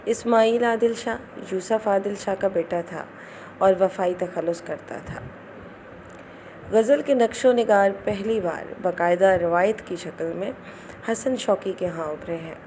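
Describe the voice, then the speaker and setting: A woman's voice: mid-range voice, slight background noise. Woman reciting study notes. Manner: steady recitation of facts.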